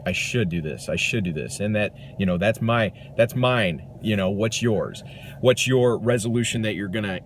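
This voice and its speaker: A man's voice: low-pitched, slight background noise. A man giving an earnest, reflective self-help monologue to camera, rambling a little with restarts. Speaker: vlogger.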